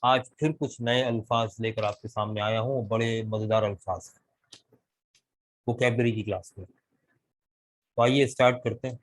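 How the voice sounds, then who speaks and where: A man teaching English vocabulary in a live online class, explaining deliberately and mixing English words into his Hindustani. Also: mid-range voice, fairly even intonation, low-quality recording. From Pakistan. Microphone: video call.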